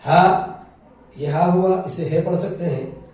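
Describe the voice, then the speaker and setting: A man's voice: sits high, steady tone, takes it slowly, darkish tone. A man teaching the Urdu alphabet, patiently naming and repeating each letter. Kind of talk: spoken alphabet lesson. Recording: echoey room, mic at a distance.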